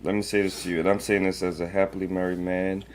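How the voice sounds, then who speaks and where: A man's voice: low voice, little pitch movement, fast. A young adult married man co-hosting a podcast in joking, emphatic casual chat. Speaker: podcast co-host.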